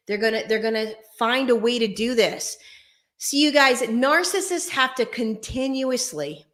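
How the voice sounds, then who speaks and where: A woman speaking straight to her viewers in a casual, deliberate way, her voice echoing around a bare room. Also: on the high side, a bit bright. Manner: slow, deliberate, often checks in with "okay?" and "you guys". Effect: echoey bare room sound. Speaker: online host. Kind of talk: casual direct-to-camera talk. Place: bare room without carpets, indoors.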